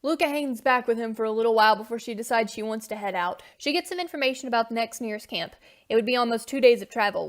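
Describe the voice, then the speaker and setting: A woman narrates a story in a brisk, fast-moving way. Her voice sits a little high.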